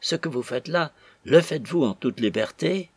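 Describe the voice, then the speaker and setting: A man voicing an anxious, gruff old sea captain who pleads insistently in a big, gravelly voice. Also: on the high side, expressive, moderate pace, no echo, voice pushed up. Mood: urgent pleading.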